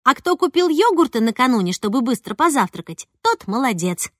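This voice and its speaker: A woman narrating a first-person audiobook in a lively, expressive reading voice. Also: sits high, fairly quick, no echo, clean studio sound.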